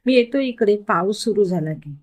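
A woman's voice: mid-range voice, expressive, normal speed, natural voice. A woman voicing a cheerful, easygoing young man who jokes with his friend in story dialogue. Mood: joking. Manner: easygoing, joking.

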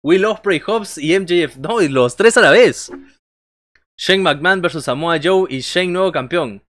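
An unhurried, slightly high, fairly bright voice with lively intonation belongs to a man in his thirties giving casual wrestling commentary on a livestream. He jokes around, chats with viewers, reacts to the chat, and calls moves from a small indoor bedroom. The recording is dry.

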